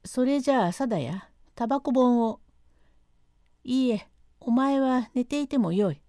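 Brief: a woman playing a curt, commanding house master, lowered gruff voice, mellow and dry. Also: lively intonation, measured pace, no room sound. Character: stern older male master of the house. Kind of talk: reading a classic rakugo transcript aloud.

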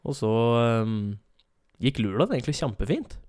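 A man's voice: mid-range voice, sing-song, a little mellow. A young man telling a long story in casual chat, rambling with many fillers and self-corrections.

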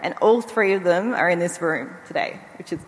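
A woman's voice: lowish voice, expressive, a little fast, a little hiss or hum. A woman speaking on a conference panel, eager and chatty, laughing often between thoughts. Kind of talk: panel discussion. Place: conference hall. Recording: hall with long reverb.

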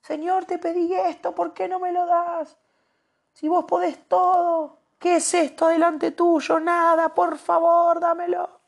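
A shrill whining child. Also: male voice, completely flat delivery, takes it slowly, creaky, heavily acted. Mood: whiny pleading. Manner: shrill, pleading, petulant. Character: whining little child begging its father.

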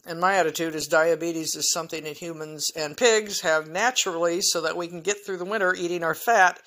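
A woman's voice: lowish voice, a bit bright. A woman hosting her own podcast, talking in a rambling, frank monologue full of chatty asides. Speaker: podcast host. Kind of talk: casual monologue.

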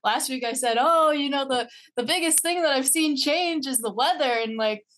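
A woman's voice: sits high, moderate pace, a bit bright. A teenage girl from Alaska, a sled dog racer, talking as a podcast guest in a friendly way and laughing easily. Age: teens. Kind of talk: podcast interview.

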